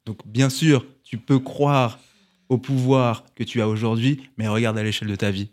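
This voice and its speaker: A man's voice: medium pitch, level tone, moderate pace, darkish tone. A man co-hosting a podcast, rambling through stories and mock-grandiose speeches in casual banter. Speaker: podcast co-host.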